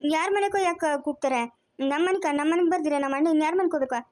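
A woman voicing a soft-hearted grandmother begging tearfully in a family cartoon. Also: sits high, fast, no echo, close to an everyday voice. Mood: pleading.

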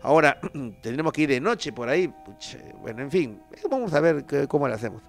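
A man with a Peruvian accent hosting a paranormal show, telling stories in a loose, slangy, animated way with lots of fillers. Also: medium pitch, a little fast, creaky, soft background music. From Peru. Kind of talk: casual paranormal storytelling.

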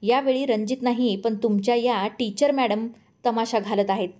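A woman's voice: fairly high pitch, normal speed, darkish tone, lightly acted. A woman reading a story aloud, voicing a pushy middle-aged male lawyer who is insistent and falsely polite. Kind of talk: audiobook character voice.

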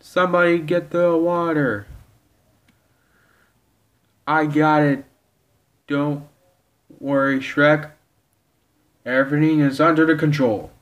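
A man reading aloud and voicing an excitable, chatty male donkey in a raised, eager voice. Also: fairly high pitch, slow pace, long pauses, voice pushed up. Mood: excited.

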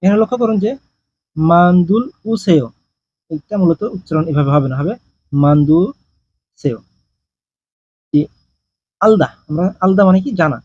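A man with a high, dark-toned and slightly husky voice teaches a grammar lesson. He explains step by step and answers his own questions. The sound is dry and a little dull. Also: expressive, fast, no room sound. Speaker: language teacher.

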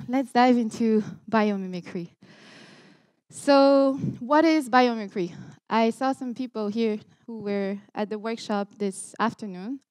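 Her voice is medium in pitch with a darkish tone. She's a young woman from Montreal, Canada, with a Quebec French accent, delivering an earnest keynote conference talk with frequent ums and restarts, recorded through a headset mic in a large lecture hall.

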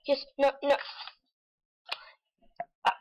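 A woman giving excitable gameplay commentary, with frustrated outbursts and silly nonsense sounds. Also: extremely slow, poor audio. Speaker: gamer. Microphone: desk mic with face cam.

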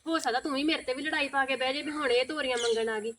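A woman with a Punjabi accent lectures in a high, quick voice, reasoning and scolding without pause. Faint background noise sits under her lines. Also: a bit bright. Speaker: actor in a village short film. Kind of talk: rural Punjabi short-film acting.

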